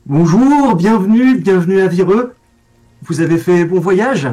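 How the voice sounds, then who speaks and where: A man's voice: high voice, lively intonation, unhurried, warm tone, faint music behind, pitched above the performer's own voice. A man voicing a polite, fussy village mayor who stammers courteously in a tabletop role-play. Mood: welcoming.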